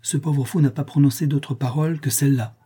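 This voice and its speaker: A man voicing a calm, kindly asylum doctor in an audiobook, speaking in a measured way. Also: fairly high pitch, breathy edge, voice pushed up. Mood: concerned. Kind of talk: audiobook character voice.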